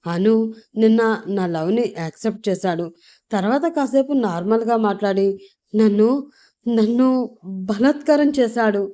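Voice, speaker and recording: A woman's voice: mid-range voice, moderate pace, pauses often, dark tone, lightly acted. A woman voicing a scheming, tearful young woman in a narrated audio story, pleading and emotional.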